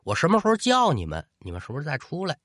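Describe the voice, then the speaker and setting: A man voicing a fierce old village woman who scolds and commands unruly ghosts, blunt and sharp-tongued. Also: on the high side, wildly swooping pitch, rapid-fire, dry recording, studio quality, exaggerated voice. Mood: commanding.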